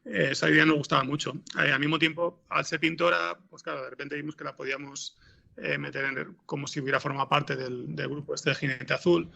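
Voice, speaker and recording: Fairly quick and steady in tone, a man with a fairly high, gravelly, sharp voice answers interview questions unscripted. He's a podcast scriptwriter from Spain with a Spanish accent, and his replies are hesitant and rambling, with frequent repeated words.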